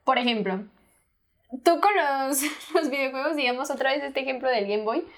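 A young woman with a Mexican accent and a high voice. She talks in an easy, slangy way, teasing her co-host as she tells an anecdote. This is relaxed podcast conversation. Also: normal speed. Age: young adult. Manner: lively storyteller, slangy and teasing. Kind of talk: casual chat.

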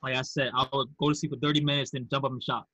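Bright-voiced Queens man, flat pitch. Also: racing, no room sound, lo-fi sound. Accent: Queens, New York. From Queens, New York. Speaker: podcast guest. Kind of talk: casual conversational interview.

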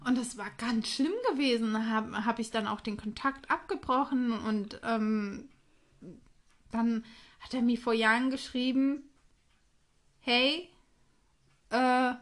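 A woman's voice: a little high, fairly even intonation, takes it slowly, pauses often. A woman around thirty telling a story on a casual podcast, swearing casually and laughing often. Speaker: podcast co-host.

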